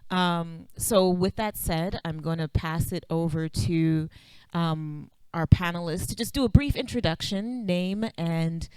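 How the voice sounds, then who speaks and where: A woman moderating a panel discussion over a video call, handing over to speakers in a calm, orderly way. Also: lowish voice, slow pace, clear, resonant tone, no room sound.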